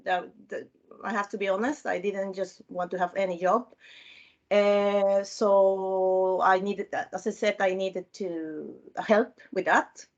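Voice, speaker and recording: A woman's voice: medium pitch, steady tone, slow pace. Hesitant woman from Peru on a muffled call. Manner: hesitant, many fillers and restarts. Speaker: panel guest, former mentee. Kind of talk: casual panel talk.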